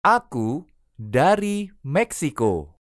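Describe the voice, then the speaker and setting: A language teacher reads short phrases slowly and carefully, repeating each one three times. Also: mid-range voice, sing-song, no echo, clean studio sound. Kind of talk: reading phrase drills.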